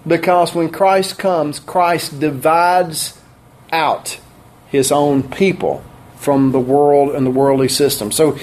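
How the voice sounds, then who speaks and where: A man's voice: on the high side, steady tone, slow, darkish tone. A middle-aged man preaching a sermon to his congregation, folksy and chuckling at his own asides. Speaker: pastor. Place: church sanctuary.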